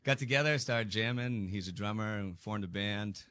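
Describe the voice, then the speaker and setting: A man in his thirties speaks as a guest on a local radio show, plain-spoken and easygoing. His voice sits very low but has a forceful, bright edge. The studio sound is dry and close. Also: moderate pace, no room sound. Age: 30s. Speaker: guest, flooring business owner. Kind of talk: radio interview answers.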